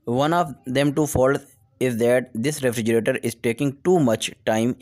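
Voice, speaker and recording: A man's voice: medium pitch, moderate pace, a little mellow. Pakistani-accented man giving repair instructions. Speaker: technical tutorial host.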